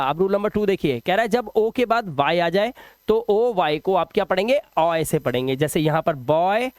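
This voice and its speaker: A man with a high, smooth voice teaches English phonics in a video, patiently going over example words at a slow pace and quizzing whoever is watching. There's no room sound in the recording.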